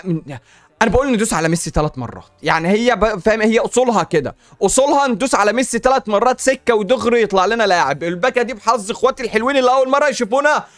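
Excitable fast-talking Egyptian man. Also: extremely high pitch, dry recording. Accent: Egyptian Arabic. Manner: excitable, chatty, pleads with viewers and the game. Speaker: gaming YouTuber host. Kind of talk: casual gaming commentary while opening packs.

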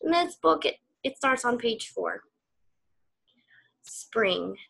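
A woman's voice: high-pitched, expressive, vocal fry. A woman teacher reading a picture book aloud to her young students and asking them questions. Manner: warm, slow, question-asking teacher talk. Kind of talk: children's read-aloud.

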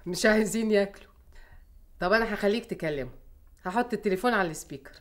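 A woman's voice: medium pitch, rapid-fire, a little hiss or hum, natural voice. An actress playing a caring but firm middle-aged Egyptian mother in a TV drama set at home. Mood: disappointed. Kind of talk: naturalistic TV drama acting. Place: family home, indoors.

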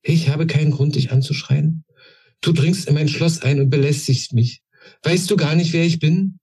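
A man doing a shrill, haughty old queen. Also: very animated, moderate pace, warm tone, slightly rough. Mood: indignant. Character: proud indignant aging queen, woman in her sixties.

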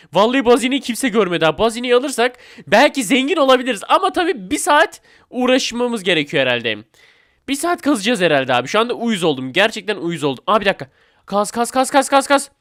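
A man with a runny nose gives casual, excitable let's-play commentary as a gaming host, often calling out to his viewers. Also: high voice, no echo, studio quality. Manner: excitable, shouts and laughs at the game, fillers like "abi" and "arkadaşlar". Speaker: gaming YouTuber.

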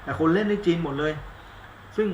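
A man's voice: sits high, brisk, roomy sound, a little hiss or hum. A man doing a casual live-stream movie review, chatty and rambling, with blunt slang and self-mocking asides. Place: indoors at home, live stream.

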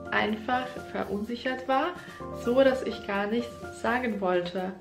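A young adult woman, not a native German speaker, talks earnestly to the camera about her own time as a German teacher, gesturing with her hands and using slightly non-native phrasing. Her voice is fairly high with vocal fry, and she speaks slowly. It's a casual to-camera clip shot head-and-shoulders in a small indoor room, with echo and music underneath.

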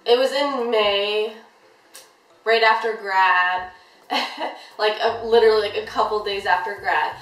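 A woman's voice: mid-range voice, steady tone, unhurried, fairly bright tone, distant mic. Chatty young woman, echoey off-mic room. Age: young adult. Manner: chatty, rambling, heavy use of "like". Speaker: vlogger. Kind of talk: casual storytime chat.

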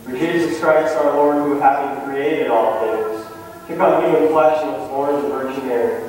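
A man as pastor leading liturgical prayers in a measured, intoning cadence, heard in a large church sanctuary with a cathedral-like echo from a distant mic. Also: mid-range voice, steady tone, darkish tone. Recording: cathedral-like echo, voice from far off, faint noise.

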